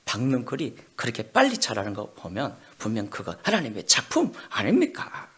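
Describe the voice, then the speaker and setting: A male pastor preaching a sermon in a dramatic storytelling manner, moving from hushed asides to loud bursts. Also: mid-range voice, huge pitch swings, moderate pace, slightly rough.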